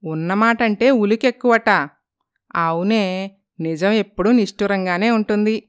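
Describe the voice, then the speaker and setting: A woman doing a nosy middle-aged gossip from a cartoon village story, taunting and mocking. The voice is smooth, close and dry. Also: medium pitch, a little slow, no room sound, close to an everyday voice. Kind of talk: animated storybook voice acting.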